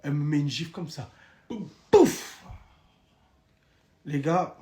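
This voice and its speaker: High-voiced young man telling a story. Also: fast. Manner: animated storytelling, addresses viewers directly. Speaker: guest telling his story. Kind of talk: casual live-stream chat.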